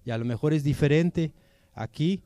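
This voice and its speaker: A man's voice: on the high side, normal speed, mellow, no room sound. A man with a Mexican accent giving an informal political speech to a community assembly, colloquial and persuasive, with many rhetorical questions. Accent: Mexican Spanish.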